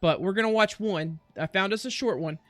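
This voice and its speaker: A man with a high-sitting voice hosts a reaction livestream, talking briskly with casual, jokey, rambling commentary that keeps interrupting itself. The recording is dry, with faint music in the background.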